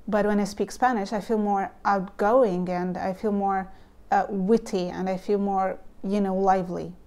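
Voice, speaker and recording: In a mellow, medium-pitched voice with a steady tone and normal speed, a young vlogger with an Egyptian Arabic accent (Arabic is her first language) explains something casually. Nervous and thoughtful, she fills her speech with "um"s and "like"s. A close camera and lapel mic capture her indoors in a home room lined with bookshelves.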